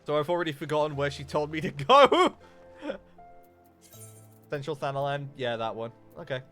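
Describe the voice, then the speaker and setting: A man's voice: on the high side, very animated, measured pace, bright, forceful tone, faint music behind. A man casually thinking aloud while streaming a game live, rambling and reacting to what he sees. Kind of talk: live gameplay commentary.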